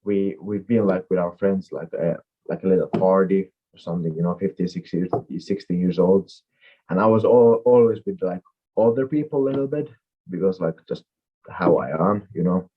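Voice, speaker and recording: Low-voiced guy in his 20s, finnish first language, rambles with lots of "like", muffled lo-fi call audio. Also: moderate pace, slightly rough. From Finland. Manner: rambling, filler-heavy with many "like"s. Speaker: MMA fighter guest. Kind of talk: casual interview answers.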